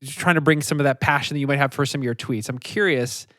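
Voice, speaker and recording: A man's voice: mid-range voice, quick pace, fairly bright tone, no room sound, clean studio sound. A man hosting a casual podcast, asking loose, meandering questions. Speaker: podcast host. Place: podcast studio.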